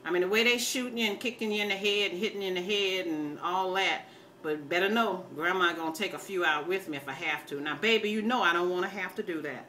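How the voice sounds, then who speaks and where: Chatting to her online audience in a loose, rambling way, this older American video blogger talks fast in a low-leaning voice that is bright and forceful. She comes across as folksy, plain-spoken and full of opinions, with some background noise behind her.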